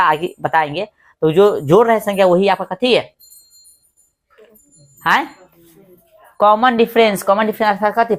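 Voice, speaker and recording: A woman teacher with a Bihari Hindi accent works through a maths lesson in a casual, conversational way. She explains step by step and keeps checking in with the listener as she goes. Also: medium pitch. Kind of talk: classroom-style maths lecture.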